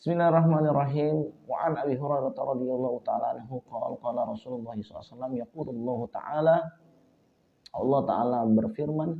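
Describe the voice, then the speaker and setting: A man teaching a classical religious text as a lesson, reciting Arabic passages and translating them line by line, often tagging phrases with "ya". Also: mid-range voice. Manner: tags phrases with a drawn-out "ya". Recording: tinny phone-like audio.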